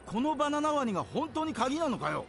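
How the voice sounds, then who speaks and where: Gruff anime adventurer. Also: male voice, extremely high pitch, sing-song, rapid-fire, a bit bright, soft background music, heavily acted. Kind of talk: anime game voice acting.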